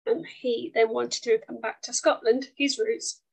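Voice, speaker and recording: A woman with an Essex accent speaks as an interview guest. Her voice sits a little high and stays fairly flat in melody. She tells personal stories in a conversational way. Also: unhurried, creaky, poor audio. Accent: Essex English. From Essex, England. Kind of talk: conversational life story.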